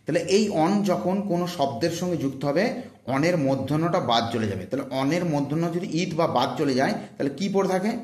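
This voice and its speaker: A man's voice: fairly high pitch, a little mellow, reverberant. A male teacher giving an exam-prep grammar lesson, drilling his students with repeated questions and answers. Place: room, filmed with handheld phone. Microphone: handheld phone.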